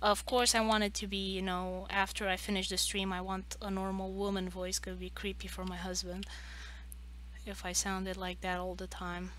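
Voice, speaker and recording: A woman's voice: mid-range voice, completely flat delivery, moderate pace, fairly bright tone, slight background noise. A woman in her late twenties chatting casually on a livestream, hesitant and rambling as she talks. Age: late 20s. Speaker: streamer and artist.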